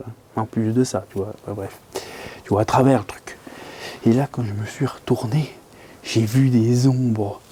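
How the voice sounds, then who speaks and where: An angler recounts a frightening fishing-trip story in a husky, dark, mid-range voice. His telling is casual and rambling, packed with fillers, and he lowers to a whisper whenever things get tense.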